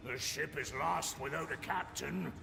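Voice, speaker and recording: An actor playing a gruff old sea dog, a scheming pirate captain who gives slow, theatrical warnings in a gravelly, whispery voice for a video game. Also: male voice, on the high side, noisy background. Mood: ominous, secretive. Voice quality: gravelly, breaking into hoarse whisper. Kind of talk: scripted dramatic game voice acting.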